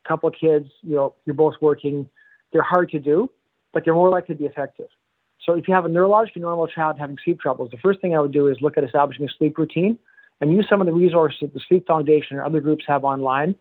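A man, a professor of pediatrics, explaining in a measured way over the phone and often correcting himself mid-sentence. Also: fairly high pitch. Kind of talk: phone interview. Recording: tinny phone line.

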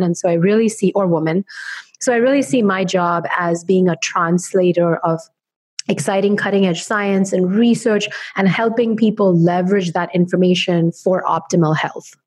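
A woman's voice: fairly low pitch, darkish tone, no echo. A woman from India, a health educator, answering interview questions in an articulate, explanatory way over a call. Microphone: remote call.

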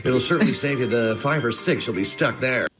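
A man's voice: medium pitch, expressive, natural voice. Man playing a traffic reporter, breezy broadcast patter, mock-serious, music behind. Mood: deadpan. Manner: brisk, jokey broadcast patter.

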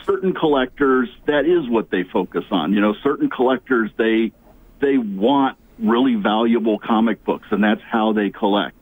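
A man's voice: on the low side, expressive, moderate pace. A man calling in to a radio interview, chatting in a rambling way, his phone line breaking up and cutting in and out. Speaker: phone-in guest, comic book collector.

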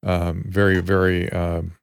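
An older man hosting a casual live audio chat, relaxed and halting, with many fillers. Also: low-pitched, vocal fry, clean tone, dry recording, clean studio sound. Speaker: host.

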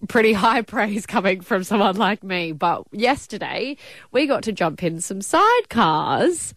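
A woman's voice: medium pitch, sing-song, measured pace, fairly bright tone, no room sound, studio quality. A young Australian woman chatting on radio in an informal, gushing, enthusiastic way. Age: young adult. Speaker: radio promotions presenter. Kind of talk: casual enthusiastic radio chat.

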